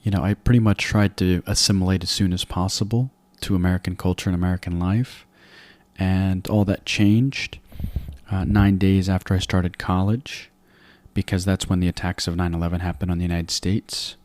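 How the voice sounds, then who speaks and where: A man in his forties from Afghanistan, a podcast guest giving measured, reflective interview answers into a close mic. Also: deep voice, little pitch movement, darkish tone, no echo.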